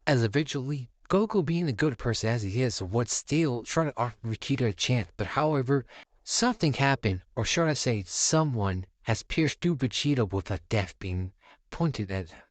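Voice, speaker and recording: A young man narrates his fan story casually and offhand, his pitch bouncing lively as he rambles. The sound is dry and close. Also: moderate pace, no room sound. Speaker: YouTube storyteller.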